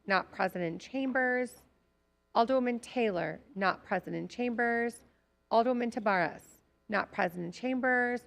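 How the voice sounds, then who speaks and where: A woman council clerk reads a roll call in a crisp, repetitive rhythm. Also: fairly high pitch.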